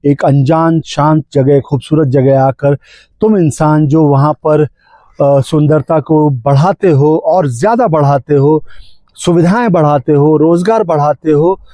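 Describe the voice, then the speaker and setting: A man voicing a calm, wise talking homestay house that speaks gently and earnestly. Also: fairly high pitch, no room sound.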